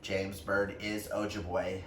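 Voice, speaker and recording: Recorded from a distance in an echoey room with faint background noise, a man gushes emphatically about books to his vlog viewers in casual chat. He speaks slowly in a low, level, fairly bright voice.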